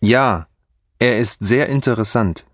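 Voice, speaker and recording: A man reading scripted textbook dialogue for a language course with slow, careful enunciation. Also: mid-range voice, no room sound, clean studio sound.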